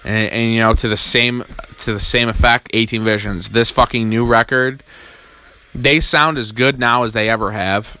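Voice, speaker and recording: A man in his thirties, a music fan, giving an excited, fast, profane and rambling casual rant with many restarts. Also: medium pitch. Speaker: music fan recapping concerts.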